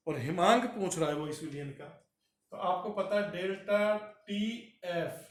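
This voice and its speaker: A man teaching chemistry, working a problem step by step and doing the arithmetic aloud. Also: sits high. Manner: slow, talks through arithmetic aloud. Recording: roomy echo from far off the mic.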